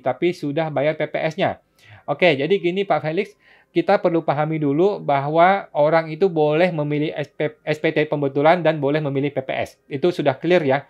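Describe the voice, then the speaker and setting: A man's voice: a little high, a little mellow. A man hosting a casual live-stream Q&A, reading viewers' questions and answering them patiently with frequent chuckles. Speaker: tax consultant host answering viewer questions. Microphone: phone or laptop mic for live stream. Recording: dull lo-fi live-stream audio.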